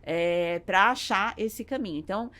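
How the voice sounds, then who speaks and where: This Brazilian woman speaks at a moderate pace in a medium, fairly bright voice. She's a business owner appearing as a podcast guest in a conversational interview, often searching for words and tacking on tag questions.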